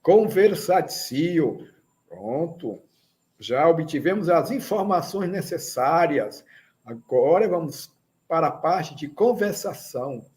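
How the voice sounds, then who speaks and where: Slow, patient teacher, man. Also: fairly high pitch, lively intonation, darkish tone. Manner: slow, patient, with frequent "né?" checks; repeats phrases slowly for learners. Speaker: Esperanto teacher. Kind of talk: language lesson, explaining grammar.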